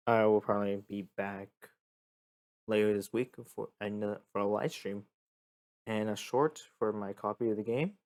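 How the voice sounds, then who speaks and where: A young man hosting a casual gaming vlog, tired and a bit monotone, rambling and repeating himself as he talks. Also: lowish voice, no echo, clean studio sound. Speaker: gaming video host. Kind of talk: casual talk to camera.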